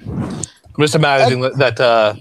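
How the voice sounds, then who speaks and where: Man, middle pitch, halting player narration, dry mic. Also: dry recording. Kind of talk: casual tabletop play.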